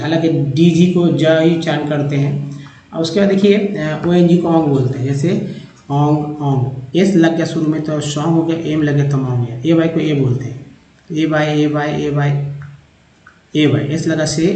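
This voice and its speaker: A slightly high-voiced man teaches English spelling and sounds, drilling syllables over and over. His tone is mellow and dark, and the room around him sounds echoey. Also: highs cut off. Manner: slow, repetitive drilling of sounds. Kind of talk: explaining English spelling in Hindi.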